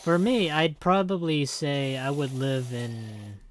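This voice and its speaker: Born in Hong Kong but raised in the United States, this young man speaks with an American accent as a streamer, chatting casually during gameplay and rambling through many fillers and restarts. He talks slowly in a mid-range voice, with a little hiss or hum on the recording.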